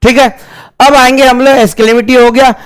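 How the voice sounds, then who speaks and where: Guy teaching grammar, high clear voice, repeats stuff and quizzes himself. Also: level tone, brisk, a bit bright. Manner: repeats key words, asks questions then answers them. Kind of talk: classroom grammar lesson.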